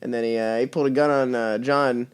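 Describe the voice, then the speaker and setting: A man's voice: mid-range voice, fairly even intonation, fast, clean tone. A young adult man, a comedian guest on a podcast, telling a rambling, profane story in casual chat.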